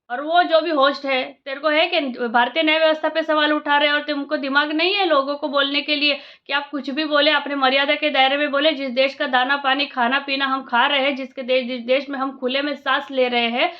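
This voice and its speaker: A woman's voice: sits high, dull audio. A woman vlogger giving a heated, scolding reaction, firing off rhetorical questions and slipping in English phrases.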